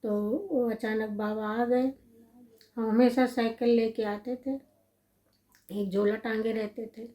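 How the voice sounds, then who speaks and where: A middle-aged woman casually telling a personal family story, in a gentle, reminiscing way with repetitive lists. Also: fairly high pitch, steady tone, slow, pauses often, low-quality recording. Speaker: vlogger recalling her family life.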